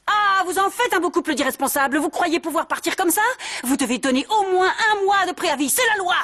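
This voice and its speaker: Excitable, high-pitched young woman. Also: a little fast. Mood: scheming, haughty. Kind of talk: dubbed telenovela acting.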